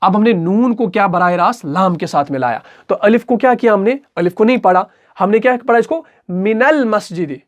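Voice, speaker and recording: A man with a fairly high voice explains recitation rules step by step. He repeats each point patiently and asks his students questions that he then answers himself, like a classroom teacher. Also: fairly quick, hardly any pauses.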